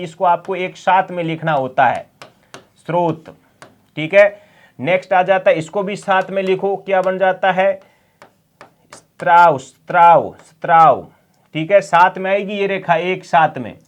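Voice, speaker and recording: A man with a fairly high voice teaches an online exam-prep class. He drills each word by saying it over and over slowly. He quizzes his students and teases them to answer fast. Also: lo-fi sound. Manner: playful teasing threats to hurry answers. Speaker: Hindi teacher.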